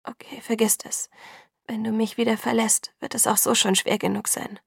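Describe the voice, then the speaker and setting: A woman reading the lines of an anxious young woman in love, soft, hushed and faltering. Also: fairly high pitch, flat delivery, normal speed, gravelly, slightly rough, dry recording, studio quality, exaggerated voice.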